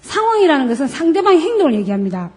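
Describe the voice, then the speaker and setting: A woman giving a lecture, acting out quoted dialogue as she goes. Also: very fast. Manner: acts out quoted dialogue with lively pitch swings.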